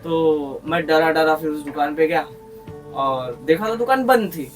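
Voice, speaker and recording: A young man with a Mumbai Hindi accent telling a horror story on a podcast in a casual, slangy, animated way, full of crude humor. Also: fairly high pitch, measured pace. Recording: distant mic with music behind.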